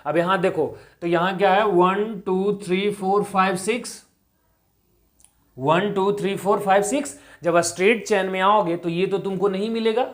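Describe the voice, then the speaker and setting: A man's voice: high-pitched, steady tone, normal speed. Male chemistry tutor, drills students with repeated questions. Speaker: chemistry teacher. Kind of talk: explaining on a whiteboard.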